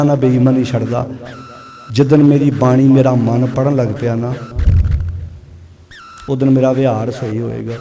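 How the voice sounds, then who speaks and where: A man preaching a sermon to a village congregation, swinging between loud emphatic peaks and quiet earnest asides. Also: mid-range voice. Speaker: Sikh preacher giving katha. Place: gathering in a village. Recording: live crowd audible behind.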